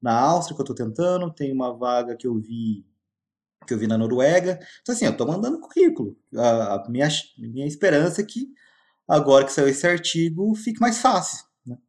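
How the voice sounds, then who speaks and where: A man's voice: mid-range voice, a little fast. A man in his thirties, a postdoc guest, chatting casually in a podcast and telling stories with laughter. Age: 30s. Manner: animated storytelling with laughs. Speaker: guest researcher.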